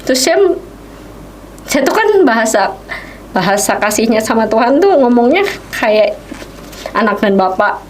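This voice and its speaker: A woman's voice: a little high, unhurried, long pauses. Lady on a podcast telling her testimony, acts out the lines she quotes, bit of faint room noise. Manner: animated storytelling, acts out quoted speech. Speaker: guest sharing a testimony. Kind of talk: casual podcast interview.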